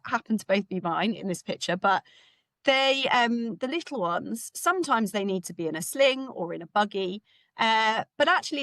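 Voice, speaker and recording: Chatty British woman, slightly hoarse. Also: medium pitch, a bit bright, dry recording. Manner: chatty, informal, with light laughs. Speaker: conference speaker, ministry leader. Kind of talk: conference talk.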